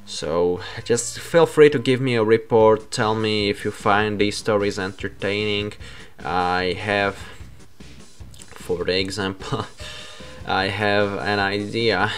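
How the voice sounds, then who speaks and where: Halting young man, slow-spoken. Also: on the low side, fairly even intonation, faint music behind. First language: Slovak. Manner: halting, with frequent self-corrections. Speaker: YouTuber. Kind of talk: casual vlog talk.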